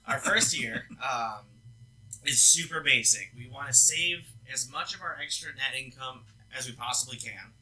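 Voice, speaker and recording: A young man with a very bright, tense tone talks casually as a shop co-owner. His phrasing is loose and chatty, with plenty of fillers and false starts along the way. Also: medium pitch, normal speed, low-quality recording. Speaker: co-owner of a gaming lounge. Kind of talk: casual business update chat.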